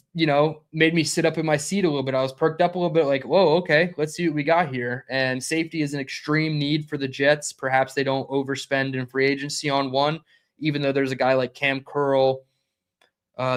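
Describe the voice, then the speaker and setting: A man's voice: medium pitch, clean tone. Casual young man streaming sports talk. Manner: fast, conversational, reads chat comments aloud. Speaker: podcast host.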